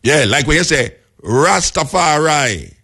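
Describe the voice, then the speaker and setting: A Jamaican man with a fairly low voice gives an explanatory talk in Rasta speech. His phrasing follows Patois grammar, and he stresses his points by repeating key phrases emphatically. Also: a little slow.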